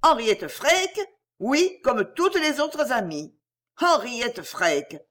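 A woman's voice: on the high side, sing-song, unhurried. A woman voicing a proud, volatile aristocratic lady in an audiobook, speaking vehemently and passionately.

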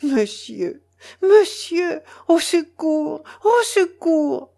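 A woman reading aloud voices an innocent young woman, lifting her voice high and sounding pleading and emotional. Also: animated, measured pace, darkish tone. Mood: impassioned. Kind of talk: dramatic reading of a novel.

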